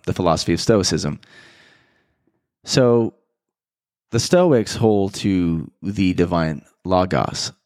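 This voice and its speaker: In a casual, reflective monologue, a male podcast host rambles thoughtfully, often restarting sentences and using fillers. His voice sits low with a darkish tone, and the recording is dry and studio quality.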